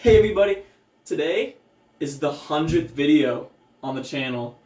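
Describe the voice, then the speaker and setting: A man's voice: on the high side, lively intonation, moderate pace, darkish tone. A man hosting his own video channel, chatting casually to the camera. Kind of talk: casual vlog chat to camera. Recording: noisy home-video sound.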